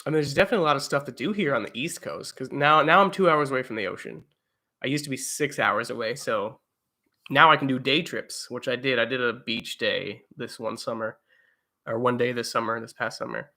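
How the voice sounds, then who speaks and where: Young male streamer, bright voice, loose rambling delivery full of "uh"s. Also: mid-range voice, fairly quick. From eastern United States. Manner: rambling, lots of fillers and restarts. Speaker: livestream host. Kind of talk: casual live chat reading viewer comments. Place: home, indoors.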